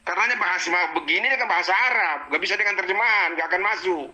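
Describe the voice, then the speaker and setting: A man's voice: high voice, fast, sharp tone, low-quality recording. A man explaining Arabic verses word by word in a heated religious debate, challenging and exasperated.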